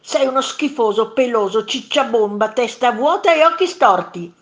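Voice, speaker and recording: A woman voicing a quarrelsome, hot-tempered monster in a children's story read aloud, shouting insults in a raised, lively voice. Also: mid-range voice, slow. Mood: angry shouting.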